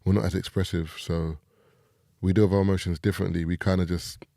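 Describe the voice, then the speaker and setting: Casting: deep-voiced man, gravelly and dark, laid-back podcast guest. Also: fast, dry recording, clean studio sound. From England. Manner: relaxed, says "do you know what I'm saying". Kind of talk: casual chat.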